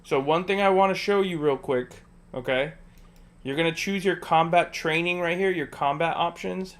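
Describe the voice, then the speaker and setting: With a voice a little on the high side and a moderate pace, a man streams casual gameplay while coaching a friend. He walks through each step patiently, repeating instructions and joking and laughing between them.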